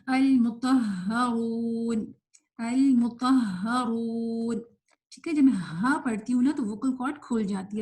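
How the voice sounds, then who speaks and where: A young woman teaches tajweed in a live online class, explaining quickly and mixing English words into her teaching. She then recites the example words slowly and drawn out. Her voice is fairly high with a darkish tone.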